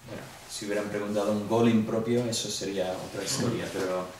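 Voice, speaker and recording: A fast-talking Greek teacher with a Spanish accent walks his class through a review, going over each answer step by step and asking questions. His voice is fairly low, steady, and a little mellow. The distant recording sits in an echoey room over a faint hum.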